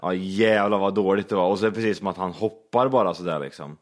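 A young man in casual crude banter with friends, laughing and joking a lot. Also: deep voice.

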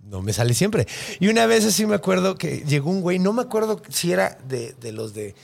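A man with a Mexican accent hosting a podcast, retelling a story in a loose, animated, slang-heavy casual chat. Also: sits high, brisk, creaky, a little hiss or hum. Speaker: podcast host.

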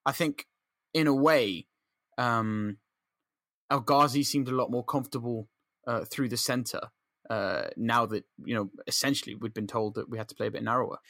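A man's voice: mid-range voice, normal speed, a bit bright, no room sound. A man co-hosting a football podcast, talking earnestly and rambling with restarts. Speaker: podcast co-host. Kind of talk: casual football chat.

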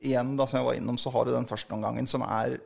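Creaky-voiced man in casual chat. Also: mid-range voice, little pitch movement, a little mellow. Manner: blunt, earthy opinions with many fillers. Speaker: podcast co-host, football fan.

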